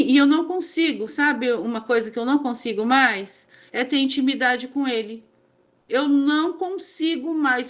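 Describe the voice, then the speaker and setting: A woman with a Brazilian Portuguese accent, a therapy group participant pouring out a personal account in a rambling, confiding way full of repeated fillers. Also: sits high.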